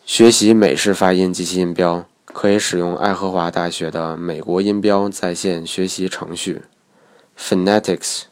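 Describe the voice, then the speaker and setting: Guy with a really low voice going through english study tips step by step, calm and matter-of-fact. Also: normal speed. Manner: methodical, matter-of-fact explanation. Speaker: English teacher. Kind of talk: instructional lecture.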